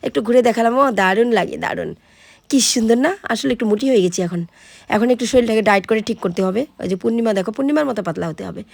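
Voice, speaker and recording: A woman with a hoarse, gravelly voice talks to her followers at a breathless clip. She chats casually through a home vlog, and her voice sits a little high. The sound is dry and close. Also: very fast, darkish tone, no room sound. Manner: chatty, addresses viewers directly. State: hoarse, sore throat. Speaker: vlogger. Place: at home, getting ready.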